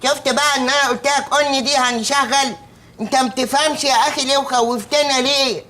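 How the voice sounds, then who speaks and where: A woman's voice: sits high, fairly even intonation, fast, a bit bright. An actress playing a fretful woman in a sitcom who keeps complaining and pleading. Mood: whiny. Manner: whiny, complaining. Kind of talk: sitcom acting.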